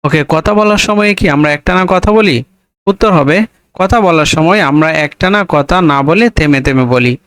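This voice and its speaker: A man's voice: a little high, a bit bright, smooth, no echo. A man tutoring young students, reading a textbook passage aloud and then patiently asking and answering its questions. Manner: slow, explanatory, repeats questions then answers them. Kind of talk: reading and explaining a textbook lesson.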